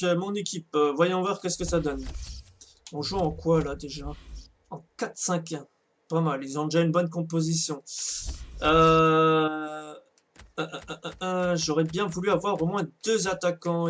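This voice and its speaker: A man casually commenting on a football video game, hesitant, with many fillers and self-corrections. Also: fairly high pitch. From France. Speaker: gaming channel host. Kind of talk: casual let's-play commentary.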